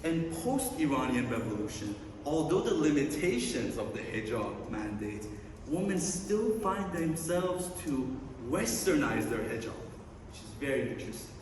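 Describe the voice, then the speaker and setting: Speaking at normal speed with big pitch swings, a student researcher from Iran gives an upbeat conference talk, adding playful remarks between slides. His medium-pitched voice is a little mellow, with slight background noise, and the distant mic catches the large lecture hall's echo.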